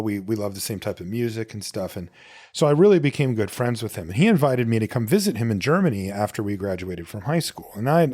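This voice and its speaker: This American podcast host, a middle-aged man, speaks at medium pitch with a somewhat dark tone. In a relaxed solo format, he responds to listener questions and tells stories from his own life.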